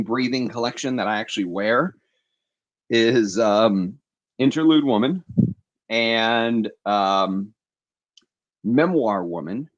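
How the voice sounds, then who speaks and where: A man's voice: lowish voice, highs cut off. A man hosting a casual livestream, chatting with enthusiasm and reading viewer comments aloud on a headset mic. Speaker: fragrance livestream host.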